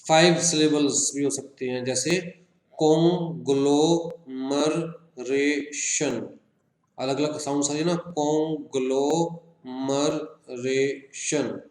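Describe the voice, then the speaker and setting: A man with an Indian accent teaching an exam-prep lesson, drawing out example words slowly and checking in with listeners. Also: on the high side, reverberant. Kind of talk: exam-prep lecture in Hindi-English mix.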